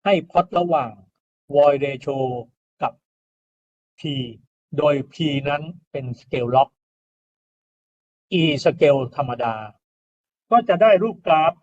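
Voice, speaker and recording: A man's voice: on the high side, drawn-out words, pauses often, darkish tone, highs cut off. A male engineering lecturer giving an informal recorded lecture. He explains step by step and often checks in with "right?". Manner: explains step by step, often asks "right?" and adds polite particles.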